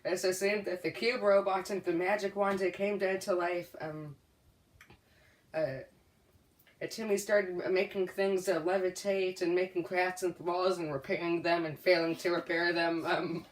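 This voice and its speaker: Lower-voiced woman telling a story, lots of uhs, roomy echo, far from the mic. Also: level tone, normal speed. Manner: hesitant, full of uhs and restarts, laughs easily. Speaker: co-host. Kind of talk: casual storytelling game chat.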